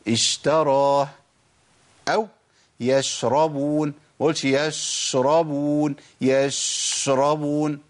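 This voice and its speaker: Egyptian man teaching Quran recitation. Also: mid-range voice. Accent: Egyptian Arabic. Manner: brisk, demonstrative, drawn-out example sounds. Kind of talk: tajweed lesson.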